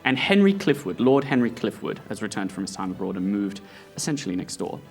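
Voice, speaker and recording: A man's voice: on the low side, very animated, fast talker, faint music behind. A man narrating a tabletop role-playing game as game director, describing scenes in a rambling, amused way.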